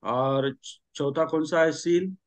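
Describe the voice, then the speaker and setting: Slow-talking male language teacher. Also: a little high, no room sound. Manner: slow, repetitive explaining with frequent fillers. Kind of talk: explaining grammar in a class.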